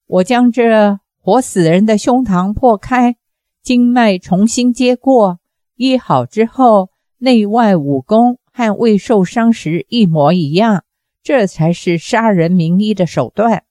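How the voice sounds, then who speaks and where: A woman's voice: mid-range voice, slow pace, dark tone, dry recording, studio quality, close to an everyday voice. Ping Yizhi, a woman reading as a cold, cranky doctor. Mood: curt, cold. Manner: cold, curt retorts. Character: short stout male doctor, cold and quick-tempered.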